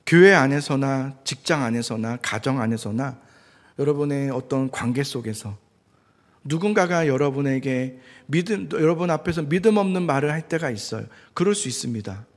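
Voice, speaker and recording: A male pastor preaching a sermon in an animated way, acting out quoted speech. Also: on the high side, normal speed. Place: church sanctuary. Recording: church hall reverb.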